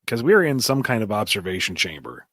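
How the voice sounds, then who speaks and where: A man's voice: on the low side, very animated, a little fast, a bit bright, no room sound, clean studio sound. A man playing a text adventure who argues his plans in an earnest, persuasive way. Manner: earnest, persuasive, speaks in bursts. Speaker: player. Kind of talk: tabletop game banter.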